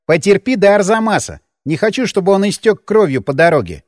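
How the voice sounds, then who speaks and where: A man's voice: high-pitched, very animated, fairly quick, darkish tone, dry recording. Give me a man doing a sardonic, scarred gunman who drawls his taunts, close and dry. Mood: mocking. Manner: drawling, mocking. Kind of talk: audiobook character voice.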